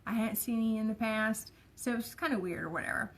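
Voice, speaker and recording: A woman's voice: a little high, fast. A woman vlogger, chatting casually and rambling with many fillers and asides. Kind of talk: casual chat.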